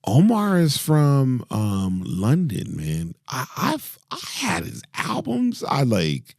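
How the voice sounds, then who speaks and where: A deep-voiced man in his forties, a singer, chats casually as a podcast guest. He's animated and laughing, frequently restarting sentences, and speaks slowly in clean, echo-free studio sound.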